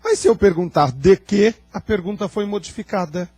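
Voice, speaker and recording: A man's voice: sits high, normal speed, a little mellow, breathy edge, no room sound, soft background music. A man with a Brazilian accent teaching a Portuguese grammar lesson for exam prep, asking his students questions and teasing them dryly.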